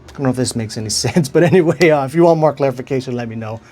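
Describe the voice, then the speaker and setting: A man's voice: medium pitch, racing, mellow, a little hiss or hum. A man with a Hawaiian accent hosting his own channel, chatting casually to camera and often searching for words. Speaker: channel host. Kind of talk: casual vlog talk.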